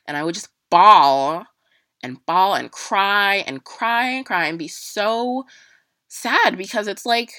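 Bright-voiced young woman, halting and casual. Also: sits low, dry recording, clean studio sound. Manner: casual, halting, many fillers. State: emotional, near tears. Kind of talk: personal storytelling.

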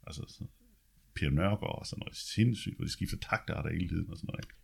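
A man with a deep bass voice telling his life story in a casual, chatty way. He tags his sentences with quick check-ins and swears now and then. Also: vocal fry, husky.

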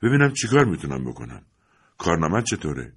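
Husky low-voiced hotel director played by a man, firm, formal, measured, audiobook. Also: big pitch swings, heavily acted.

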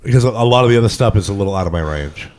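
A man with a deep bass voice chatting casually as a podcast co-host. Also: lively intonation, very fast, a little mellow. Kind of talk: casual chat.

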